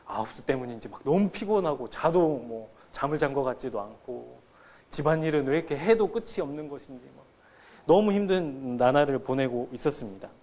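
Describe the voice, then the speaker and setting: A man's voice: medium pitch, expressive, fairly quick, a little mellow. A man in his thirties, a pastor preaching a sermon in a conversational, storytelling way to his congregation. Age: 30s. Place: church sanctuary.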